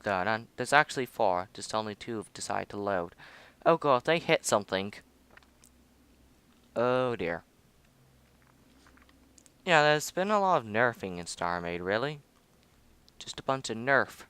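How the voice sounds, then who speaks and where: A man's voice: fairly low pitch, very animated, a little slow, pauses often, bright, forceful tone, smooth, dry recording. A young man casually commenting on his own space game footage, rambling, humming and joking at himself. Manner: rambling, self-mocking, hums and mutters to himself. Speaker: gameplay video host.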